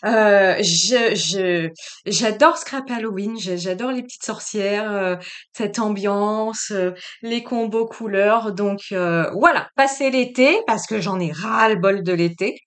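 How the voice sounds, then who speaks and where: A woman hosting a craft tutorial, chatting casually to her viewers and filling pauses with frequent "euh" and "hein". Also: medium pitch. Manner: friendly, talks straight to the viewers. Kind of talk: casual how-to narration.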